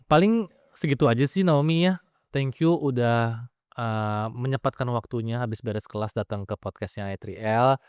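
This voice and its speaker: A man's voice: fairly low pitch, smooth, dry recording, clean studio sound. A young man hosting a casual podcast interview, asking playful, teasing questions and mixing in English phrases. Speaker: podcast host.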